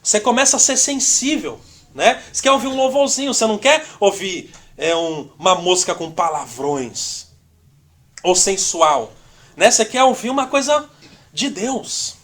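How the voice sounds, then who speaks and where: A male discipleship teacher gives an informal, conversational church teaching, constantly adding "né?" tags and acting out little quoted dialogues. His voice sits high, a bit bright and animated, at normal speed.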